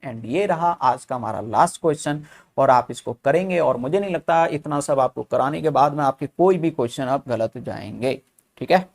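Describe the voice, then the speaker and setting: A male teacher with a Hindi accent giving a whiteboard lesson, explaining step by step and calling viewers brother, reading English statements slowly. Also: mid-range voice, creaky, a little mellow.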